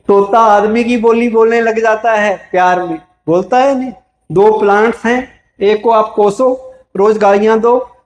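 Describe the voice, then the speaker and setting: A man's voice: high voice, darkish tone. A man with an Indian accent giving a motivational spiritual talk to a live audience, asking them questions and answering them himself. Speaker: spiritual speaker.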